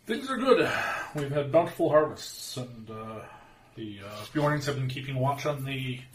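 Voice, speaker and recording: A man's voice: mid-range voice, lively intonation, moderate pace, echoey room, pitched above the performer's own voice, natural voice. A man voicing a proud, boastful, burly male Bjorning woodsman in a tabletop game.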